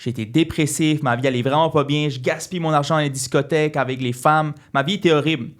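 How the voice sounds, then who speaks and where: A man's voice: fairly high pitch, fairly even intonation. A man, speaking earnestly as an interview guest and often restarting his sentences. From Quebec. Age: 20s. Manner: earnest, halting with many restarts. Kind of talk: casual interview talk.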